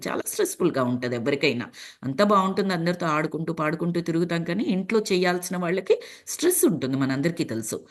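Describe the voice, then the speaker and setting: A woman speaking in a casual, conversational way to a meditation group. She retells a film scene and mixes English words into her speech. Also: fairly low pitch. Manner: addresses listeners as masters.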